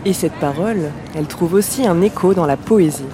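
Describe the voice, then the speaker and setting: A man reading a scripted introduction to a radio archive excerpt in a composed, clear manner. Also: high voice, brisk, music in the background, a crowd in the background. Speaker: radio presenter. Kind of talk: scripted narration.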